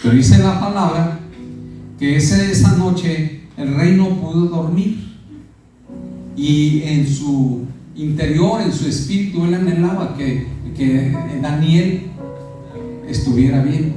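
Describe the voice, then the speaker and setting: A Mexican-accented pastor with a fairly high, mellow voice, preaching to his congregation and stopping to quiz them. He is heard from a distance in a church sanctuary with a strong echo, and soft music plays faintly behind him. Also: slow pace. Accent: Mexican Spanish. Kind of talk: sermon. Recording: echoey church hall from far off.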